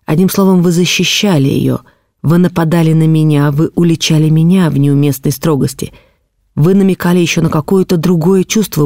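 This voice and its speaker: Give me a stern, contemptuous nobleman with a mellow voice, as a woman narrator puts him on in an audiobook. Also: sits low, no room sound, studio quality. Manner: measured, cutting, contemptuous. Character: stern cold middle-aged nobleman, contemptuous. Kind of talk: audiobook reading of a classic novel.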